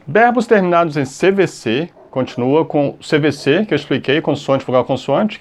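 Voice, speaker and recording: A Brazilian man teaching an English grammar lesson. He stretches out the example words and keeps checking in with the class between steps. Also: on the high side. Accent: Brazilian Portuguese. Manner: drawn-out model words, repeated checks like "tá?" and "ok?". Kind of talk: explaining grammar rules on a video lesson.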